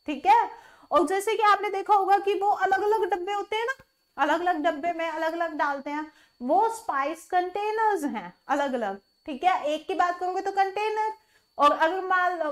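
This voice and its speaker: In an online vocabulary lesson, a woman with a very high-pitched voice blends Hindi and English words, repeatedly posing questions to the viewer and then answering them herself.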